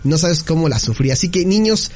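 A Mexican man with a notably high voice spins a funny childhood story in relaxed chat, laughing along as he goes. Soft music sits faintly behind him. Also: brisk. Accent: Mexican Spanish. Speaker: podcast co-host. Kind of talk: casual chat, telling an anecdote.

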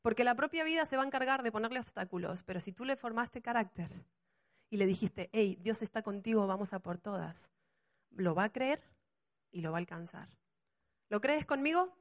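A middle-aged woman pastor, preaching an animated sermon full of rhetorical questions. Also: fairly high pitch, a little fast.

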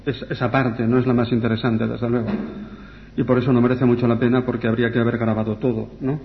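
A man's voice: medium pitch, level tone, fast, slight background noise. A man, a priest, telling a story on the radio and then answering questions. He tells it with animation and acts out the people he quotes. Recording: dull radio recording with long reverb.

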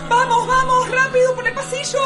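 A woman's voice: high-pitched, fairly quick, loud music behind the voice, close to an everyday voice. A woman playing a bossy, cold-hearted woman. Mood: alarmed shouting. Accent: Rioplatense Spanish. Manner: commanding, sarcastic. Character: bossy, cold, selfish woman under threat. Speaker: actor. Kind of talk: radio drama acting.

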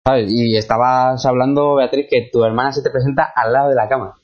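A man from hosts a relaxed radio talk show, chatting and drawing stories out of his guests. His voice is at a middle pitch. The recording sounds slightly muffled and lo-fi. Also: a little fast. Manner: conversational, prompting guests.

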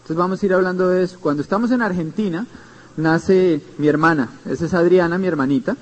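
High-voiced Colombian man, motivational speaker. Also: fast, low-quality recording. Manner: earnest storytelling, addresses listeners directly with tag questions. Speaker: business seminar speaker. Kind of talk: motivational seminar talk.

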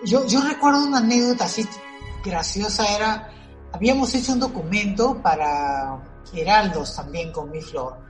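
A woman's voice: mid-range voice, moderate pace, soft background music. A woman in casual conversation, recalling a funny anecdote. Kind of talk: casual chat.

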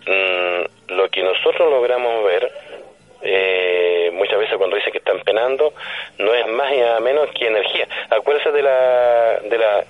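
A man with a Chilean accent appears as a radio guest on paranormal topics, explaining things conversationally in a didactic, halting way and frequently checking that listeners follow him. His voice is on the low side, and the dry recording sounds dull and band-limited, like a phone or radio line.

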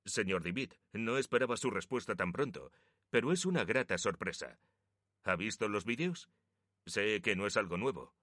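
A man's voice: fairly low pitch, expressive, normal speed, fairly bright tone, no echo, clean studio sound. A man doing a formal, persuasive recruiter. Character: formal, businesslike male activist recruiter.

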